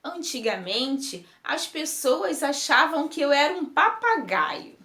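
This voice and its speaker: A woman reading a first-person text aloud, slow and emotive, lingering on words. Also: high voice, big pitch swings, sharp tone. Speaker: reader. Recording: roomy echo.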